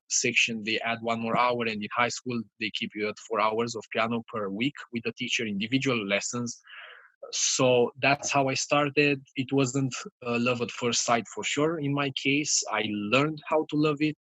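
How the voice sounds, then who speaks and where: A bright, forward-sounding man with a Romanian accent answers interview questions in a halting way, restarting his sentences often. He is in his thirties, and his voice is recorded close and dry. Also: mid-range voice, no echo, poor audio. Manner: halting, many fillers and restarts. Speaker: guest pianist.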